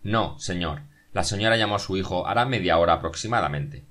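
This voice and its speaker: A man's voice: sits low, brisk, a bit bright. Man reading a plain household servant. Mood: matter-of-fact. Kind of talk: audiobook character reading.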